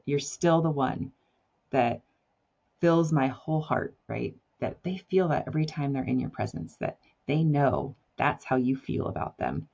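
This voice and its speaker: Earnest woman coaching parents, lo-fi. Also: low voice. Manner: earnest and encouraging, often checks in with "right?" and "you know".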